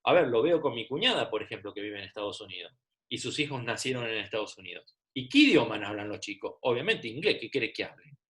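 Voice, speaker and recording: A middle-aged man with an Argentine Rioplatense Spanish accent teaches an online class over a video call, chatty and full of rhetorical questions. His voice sits at a medium pitch with big swings, moving fast with a slightly bright edge.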